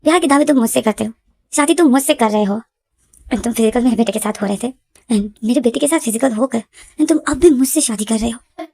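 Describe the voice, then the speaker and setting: A woman storyteller putting on an angry middle-aged father who lashes out in a loud, scolding voice. The voice sits fairly high, with a warm, mellow tone. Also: a little fast, slightly rough, no echo, clean studio sound. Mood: furious. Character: stern angry father, a man in middle age.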